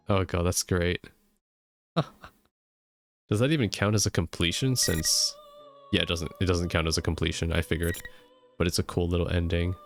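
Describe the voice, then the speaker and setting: A man giving casual gaming commentary and reading story text aloud as he plays. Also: deep voice. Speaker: let's play streamer.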